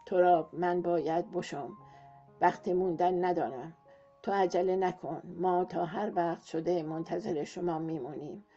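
A woman voicing Salman, a calm protective young man. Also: lowish voice, close to an everyday voice. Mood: firm. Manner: brief, firm instructions. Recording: muffled, soft music behind.

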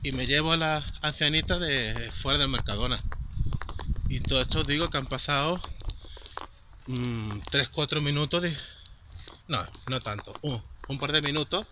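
A man's voice: medium pitch, normal speed, long pauses, background noise. Indignant Spanish man telling a story. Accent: Spain Spanish. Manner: rambling and indignant, with many fillers. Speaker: vlogger. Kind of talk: casual storytelling.

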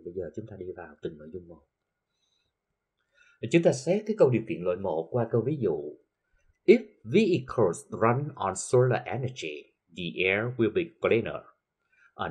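A man with a Southern Vietnamese accent teaching an English lesson, explaining slowly with many filler sounds and reading English examples carefully. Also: sits low, a little mellow, slightly rough. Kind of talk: recorded classroom lesson for TV.

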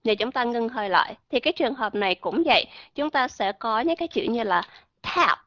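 A woman with a fairly high voice walks an online class through English pronunciation, explaining patiently and saying sample words slowly for the students. The audio is dull and dry, with no room sound around her. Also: lively intonation, a bit bright, dry recording.

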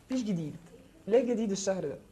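Egyptian woman, tarot reader, rapid delivery, low mellow voice, reassuring and direct, answers viewer comments. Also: animated, a little hiss or hum. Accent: Egyptian Arabic.

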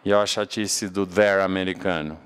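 A man's voice: sits low, steady tone, brisk, a bit bright, clean tone. A man from Portugal with a European Portuguese accent, teaching an English grammar class and asking his own questions before answering them. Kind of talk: classroom lecture.

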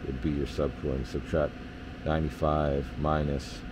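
A man, an HVAC technician, giving a relaxed hands-on explanation of system readings in a basement furnace area, with lots of fillers. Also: rumbling low, normal speed, background noise.

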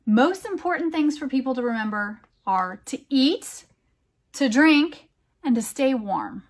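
For young children, an American woman with a high voice reads slowly and expressively from a picture book, mixing in chatty asides. As a teacher leading storytime, her delivery is animated and emphatic, with deliberate phrasing.

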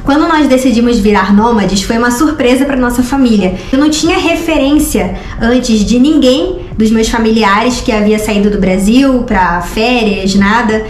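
A Rio de Janeiro woman in her twenties, co-host of a couple's travel channel, tells a story casually to the camera in Rio Brazilian Portuguese. Her voice is on the high side, at a moderate pace with hardly any pauses. The recording has a roomy echo with music behind.

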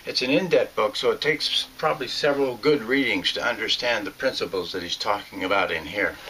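An older man walks through fly fishing instruction a little quickly, his fairly low voice sharp in tone over a slight hiss or hum. He's at home in a small room with shelves, talking earnestly and simply, with fillers and restarts here and there.

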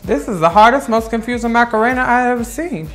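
A man talking as a sassy, campy drag queen host, giving catty comic commentary on video clips in a bright, high-placed voice. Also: expressive, quick pace, over loud music. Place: photo studio with grey backdrop.

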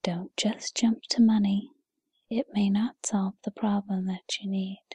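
A woman plays a kindly, patient fairy godmother in a whispered role-play, speaking unhurriedly to the listener as "you" in a very breathy, soft-edged whisper. Gentle and reassuring, she soothes and encourages. Her voice is mid-range with a level tone and no echo.

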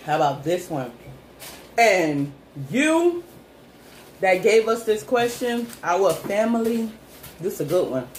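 A woman co-hosting a home vlog riddle challenge, teasing her husband and reading out riddles. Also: medium pitch. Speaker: vlog co-host, wife. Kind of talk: casual riddle challenge chat. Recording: echoey room with faint noise.

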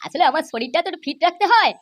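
A woman's voice: high-pitched, animated, rapid-fire, slight background noise. Futo, a woman playing a cocky young show-off.

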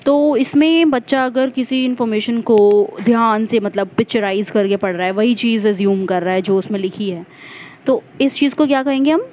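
A woman's voice: a little high, moderate pace, dull audio, a little hiss or hum. A woman teacher walking through exam questions, explaining each term step by step and stopping to correct her own slips. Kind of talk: exam-prep lesson.

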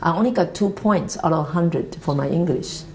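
Low-voiced Taiwanese woman recalling her life. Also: slight background noise, rough recording. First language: Mandarin Chinese. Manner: earnest, halting non-native English with restarts. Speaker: interviewee. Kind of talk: reflective life-story interview. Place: office meeting room, seated at a table.

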